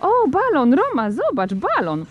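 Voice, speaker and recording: An eager little schoolboy squeals over his presents in a high, bright voice, as a woman reading a storybook puts him on. He talks in quick, excited bursts, pitched well above the reader's own voice. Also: muffled recording, faint music behind, full character voice. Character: eager little boy, first-grader, excitable.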